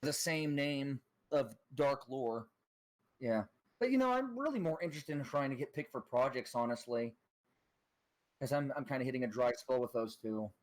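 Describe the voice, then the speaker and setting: On a stream's voice chat, a guest rambles casually and hesitantly about doing impressions, sounding self-conscious. His voice is mid-range and his pace moderate.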